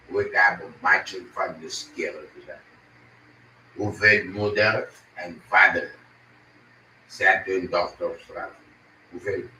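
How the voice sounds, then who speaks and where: A man's voice: low-pitched, sharp tone. Agitated man ranting in a roomy space. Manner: agitated, ranting, repeats himself. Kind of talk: angry monologue to camera. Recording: roomy, distant from the mic, faint noise.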